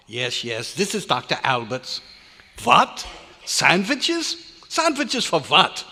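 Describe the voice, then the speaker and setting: In a live stage recreation of an old radio drama, held in a large hotel meeting room at a convention, an actor voices a cantankerous old research scientist who grumbles yet is fond underneath. He sounds exasperated, twisting his sentences in an odd, foreign-sounding order. His mid-range male voice is pushed, bright and fully in character, echoing through the hall.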